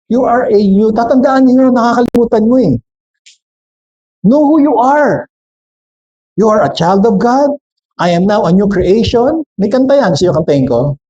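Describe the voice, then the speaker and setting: Switching back and forth between Tagalog and English, this Filipino-accented preacher quizzes and jokes with his congregation during a sermon. His voice sits high and mellow with a breathy edge, heard through a muffled recording.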